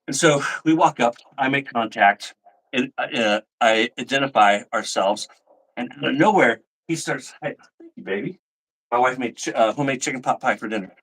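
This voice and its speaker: At a moderate pace and in a mid-range voice, a middle-aged man spins casual stories for his livestream viewers, animatedly impersonating whoever he quotes. The recording quality is rough.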